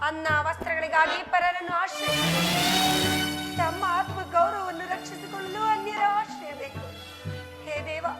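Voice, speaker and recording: A woman's voice: extremely high pitch, steady tone, a little fast. A woman playing the wronged queen Draupadi, bitter and defiant, declaiming emphatic, plaintive stage dialogue in a village mythological play. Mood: lamenting. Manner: emphatic, plaintive theatrical delivery. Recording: live stage recording with very loud music.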